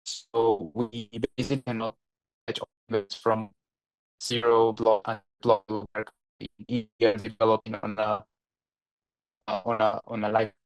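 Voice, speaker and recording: A man teaching a live coding session over a video call whose connection keeps breaking up, halting and repeating words as he explains. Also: lowish voice, little pitch movement, no room sound, poor audio. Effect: online call connection breaking up. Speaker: workshop instructor.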